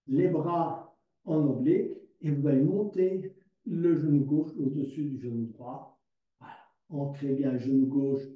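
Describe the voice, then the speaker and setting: A man's voice: fairly high pitch, muffled recording. Man guiding yoga in an echoey room. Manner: calm step-by-step cueing, repeats words slowly. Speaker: yoga teacher. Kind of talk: guided yoga instruction. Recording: distant mic in a very echoey room.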